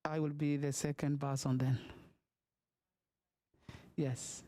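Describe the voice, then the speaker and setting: A man from Somalia, chairing a meeting over a video call in halting, word-searching English. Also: a little high, level tone, dark tone. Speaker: commission chair.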